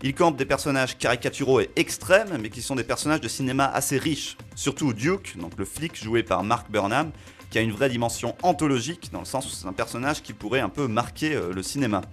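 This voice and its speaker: A man reviewing a film on a local radio show, talking in an animated way with fillers as he works through his points. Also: medium pitch, brisk, soft background music. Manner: animated, reasoning aloud with fillers. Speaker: film critic.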